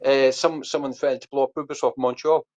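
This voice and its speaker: A man's voice: medium pitch, steady tone, fast talker, a little mellow. A man telling a long story in a rambling way, full of fillers and restarts, then quizzing his hosts. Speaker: podcast guest. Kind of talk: casual storytelling and quiz hosting. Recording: dull lo-fi audio.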